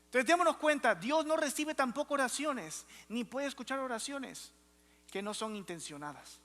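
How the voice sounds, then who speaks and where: A man's voice: very high-pitched, expressive, moderate pace, sharp tone. A young adult man preaching a sermon as pastor, emphatic and calling out to the congregation in a church. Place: church hall. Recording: reverberant church hall.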